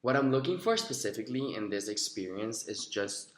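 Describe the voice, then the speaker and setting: A young man speaks in a somewhat low voice, delivering prepared answers for a video job interview. His talk is earnest and a little rehearsed, with the odd "um". The sound is roomy and echoey. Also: expressive, fairly quick. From Costa Rica. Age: young adult. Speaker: job applicant. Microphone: recorded himself on video.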